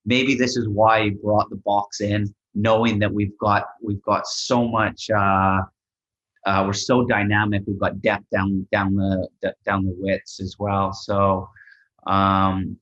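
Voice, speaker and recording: Animated low-voiced man on a muffled line. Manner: animated, talks in quick bursts with fillers. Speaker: podcast co-host and soccer analyst. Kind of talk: casual sports podcast chat.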